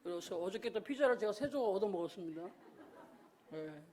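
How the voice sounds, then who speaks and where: A man's voice: sits high, expressive, brisk, darkish tone, some chatter behind, a little hiss or hum. A male pastor giving a Sunday sermon, telling a story and acting out the voices in it.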